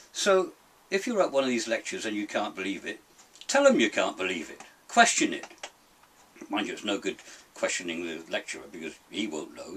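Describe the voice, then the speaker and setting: A man's voice: fairly low pitch, fairly bright tone. An older British man delivering a grumpy, blunt comic rant, grumbling his opinions with emphatic, theatrical delivery. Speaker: solo monologue presenter. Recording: distant mic, faint noise.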